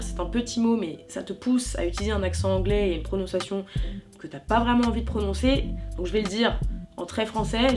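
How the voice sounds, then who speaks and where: A young woman chatting animatedly about films she loves, slangy and quick to correct herself. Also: medium pitch. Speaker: YouTuber. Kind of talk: casual film review vlog.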